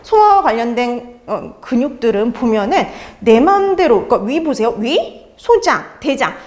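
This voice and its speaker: Woman lecturer, high lively voice, exam-prep lesson, asks and answers her own questions. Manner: asks students questions and answers them herself; repeats key terms for emphasis.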